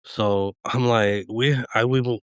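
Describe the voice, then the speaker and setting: A man's voice: medium pitch, fairly even intonation, takes it slowly, smooth, no echo, clean studio sound. A middle-aged man hosting a podcast, chatting in a laid-back, rambling way and chuckling often. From Eastern Washington. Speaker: podcast host. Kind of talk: casual chat.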